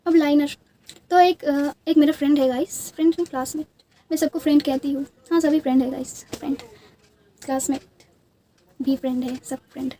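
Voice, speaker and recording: Young woman, Bengali accent, native Bengali speaker; high, mellow voice; casual rambling beauty-vlog storytelling with restarts. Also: fairly even intonation, brisk, long pauses, slight background noise. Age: young adult. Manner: chatty, rambling, many restarts and fillers. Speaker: beauty vlogger.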